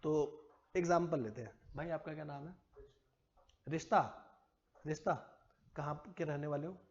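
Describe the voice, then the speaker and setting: A man's voice: on the high side, normal speed, lo-fi sound. A man teaching commerce to a classroom, chatty and teasing, quizzing his students as he goes. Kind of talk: classroom lecture.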